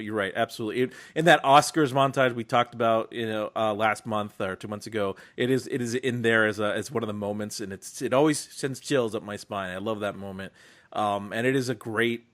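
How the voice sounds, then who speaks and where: A man's voice: medium pitch, brisk. Chatty man co-hosting a film podcast. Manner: animated, quoting film lines, many restarts. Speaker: podcast co-host. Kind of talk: casual film discussion.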